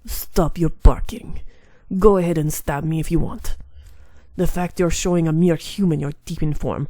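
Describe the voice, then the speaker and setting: A woman voicing a calm, imposing male demon warrior who speaks in a cool, measured way. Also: sits low, no echo, voice pushed down.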